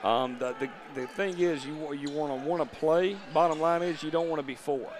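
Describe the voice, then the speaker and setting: A man calling a local high school basketball game in a rambling, chatty way with many restarts. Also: steady tone, brisk. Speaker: play-by-play commentator. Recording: noisy gym ambience.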